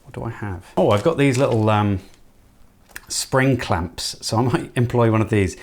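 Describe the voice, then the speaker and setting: A man of medium pitch speaks at a normal pace, with slight background noise. As an electronics hobbyist presenter, he works through a build with informal, hands-on remarks, partly muttering to himself.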